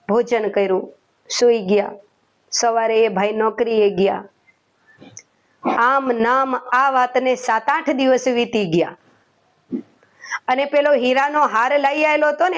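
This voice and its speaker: A woman narrating a moral story in a slow, repetitive storytelling way, voicing each character's dialogue. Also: on the high side. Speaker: spiritual storyteller.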